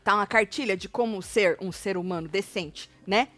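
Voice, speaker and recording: A woman's voice: mid-range voice, normal speed, a bit bright, no room sound, soft background music. A woman with a Brazilian Portuguese accent, hosting a casual live gossip commentary and animatedly acting out what others said.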